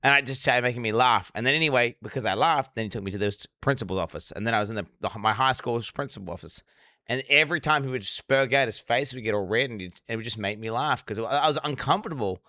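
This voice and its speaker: A man's voice: mid-range voice, fast talker, sharp tone, no room sound, studio quality. A young man streaming casual commentary, rambling and swearing with many restarts. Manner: rambling, profane, restarts often. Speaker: streamer reacting to a documentary.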